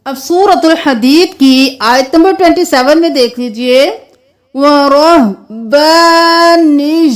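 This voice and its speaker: A woman teaching Quran recitation, explaining the rules briskly and then chanting the verses slowly, spelling words out syllable by syllable. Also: high-pitched. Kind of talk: tajweed lesson with slow chanted recitation.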